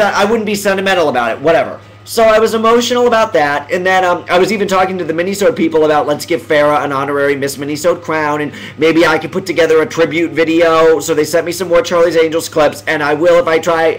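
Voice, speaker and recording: A man hosting a live video stream, chatting in a rambling, excitable way with many restarts, feeling emotional. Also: a little high, fast, few pauses, rough recording. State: emotional, close to tears. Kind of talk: casual live-stream chat.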